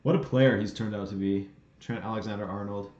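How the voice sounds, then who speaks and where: A man's voice: on the low side, brisk, a little mellow. A man from western Canada hosting a live match watchalong, casually reacting to play and reading out chat questions. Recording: roomy, dull lo-fi stream audio.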